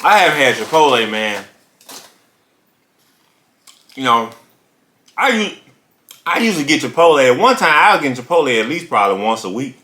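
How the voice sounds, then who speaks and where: A man hosting an eating show, chatting casually and telling animated stories while he chews his food. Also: mid-range voice, normal speed, pauses often. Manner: talks while chewing food; animated storytelling. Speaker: mukbang host. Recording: roomy echo.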